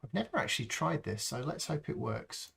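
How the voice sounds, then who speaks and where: A man hosting a live stream, calmly talking through a sound-design process step by step and thinking aloud as he works. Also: medium pitch, vocal fry, slightly rough. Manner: slow, thinking aloud as he works, with frequent ums. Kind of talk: unscripted tutorial walkthrough.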